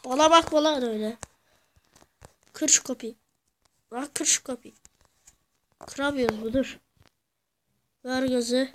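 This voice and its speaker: A woman giving rowdy gameplay commentary, cursing and yelling at the game as she plays. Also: high-pitched, unhurried, pauses often, a little hiss or hum. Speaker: gamer.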